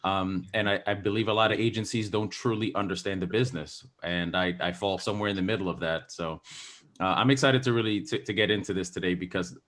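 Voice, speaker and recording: A man introducing himself on a conference panel, energetic, with frequent ums and restarts. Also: deep voice, fast. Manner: energetic, many fillers.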